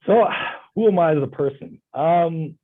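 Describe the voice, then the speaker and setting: Husky-voiced man on a thin, phone-like line. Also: a little high, measured pace. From Bulgaria. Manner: earnest, passionate, emphatic. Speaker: guest lawyer. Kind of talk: casual interview answers. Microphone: video call.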